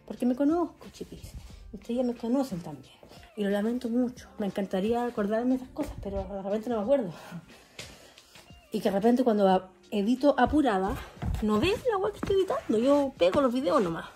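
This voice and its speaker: A woman's voice: a little high, animated, fairly quick, dark tone, faint music behind. A young woman with a Chilean accent, chatting casually in a vlog and telling rambling, slang-filled stories while cleaning at home. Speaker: vlogger.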